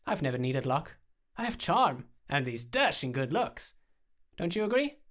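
A man's voice: a little high, big pitch swings, normal speed, fairly bright tone. A man voicing a playful young man who teases and coaxes with theatrical flair. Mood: teasing. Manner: teasing, theatrical, coaxing.

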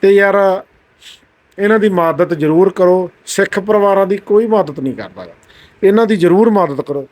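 High-voiced earnest host. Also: male voice, animated, normal speed. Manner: gentle, earnest, repetitive appeals. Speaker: charity video host. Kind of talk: appeal to viewers and interview.

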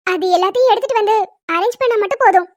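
Sharp-tongued young wife, very high and quick, voiced by a woman, dry sound. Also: dry recording. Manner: scolding, quick commands. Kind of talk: Tamil cartoon dubbing.

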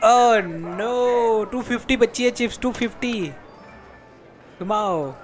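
A young man with a strikingly high voice streams a game and chats live to his viewers. He jokes around, exclaims, and pleads in playful mock despair. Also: measured pace, faint music behind. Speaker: gaming streamer.

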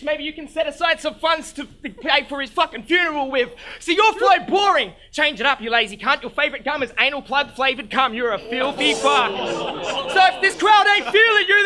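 An Australian man raps a battle verse in a notably high voice. His tone is bright and sharp, and he taunts his opponent with a cocky, mocking swagger, shouting out the punchlines. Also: brisk, few pauses, a faint crowd. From Darwin, Australia. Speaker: battle rapper. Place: live battle venue.

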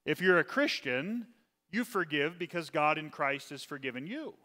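A man's voice: fairly high pitch, lively intonation, moderate pace, sharp tone. A man serving as pastor, leading an informal Bible study, chatty and self-deprecating, often asking his class questions. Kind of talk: informal Bible study teaching with scripture reading. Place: church room. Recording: long hall reverb.

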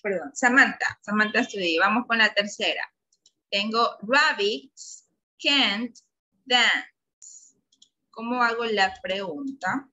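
A woman teacher with an Ecuadorian Spanish accent leads a children's English class. Her voice is bright and clear, and she keeps coaxing the pupils with patient questions. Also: mid-range voice, takes it slowly, long pauses, poor audio. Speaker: primary school English teacher. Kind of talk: online class lesson.

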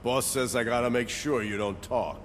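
An actor playing a smug, threatening hired thug in a video game. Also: male voice, mid-range voice, moderate pace, lightly acted. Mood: menacing. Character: menacing male goon, smug hired killer. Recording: reverberant, faint background noise.

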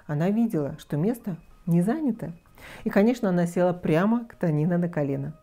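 A woman reading a children's fairy tale aloud with expressive, lively storytelling. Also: lowish voice, fairly quick.

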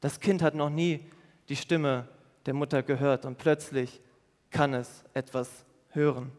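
A man's voice: medium pitch, steady tone, unhurried, a little mellow. Earnest man preaching in a reverberant hall. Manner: earnest, explanatory, repeats key phrases. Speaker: youth service preacher. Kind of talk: sermon. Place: church hall. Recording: long church hall reverb.

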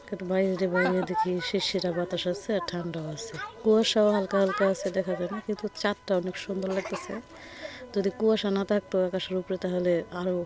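A hoarse young woman chats unhurriedly while she narrates her cooking vlog. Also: medium pitch, darkish tone. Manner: chatty, unhurried, talks while she works. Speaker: cooking vlogger. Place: home kitchen at the stove, earlier out on the street. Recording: noisy with frying sizzle.

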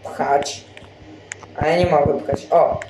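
A man's voice: on the high side, level tone, takes it slowly, background noise. A young man casually commenting on a game he is playing, rambling with many fillers and restarts. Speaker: gaming channel host. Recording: roomy echo, faint game music behind.

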